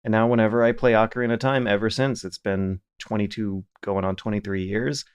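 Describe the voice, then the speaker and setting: A man in his thirties, a podcast host telling animated stories in casual chat. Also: lowish voice, fairly quick, smooth. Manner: animated storytelling, reads listener questions aloud.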